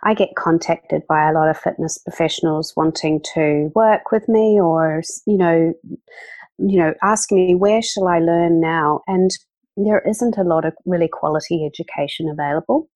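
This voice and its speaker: A woman's voice: fairly low pitch, normal speed, a little mellow, no room sound. A woman, an event organizer chatting enthusiastically as a podcast guest, with many fillers. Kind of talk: casual interview talk.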